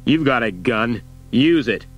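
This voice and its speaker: A man's voice: medium pitch, lively intonation, measured pace, dull audio, soft background music. A man doing a nervous animal keeper. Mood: defiant. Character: frightened middle-aged male animal keeper.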